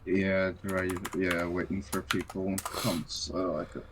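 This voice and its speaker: A man's voice: low-pitched, little pitch movement, slow pace, very noisy. A young man from Ireland, a student, chatting casually and hesitantly, often trailing off. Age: young adult. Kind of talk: casual chat.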